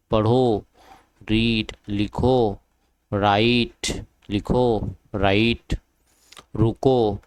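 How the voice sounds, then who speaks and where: A man teaches a beginners' English class, calling out each Hindi word and then its English match, often twice, with "ठीक है" between them. His voice sits low and stays level and measured. The tone is clean and smooth. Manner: drills word pairs, repeating each with "ठीक है". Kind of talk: spoken English lesson in Hindi.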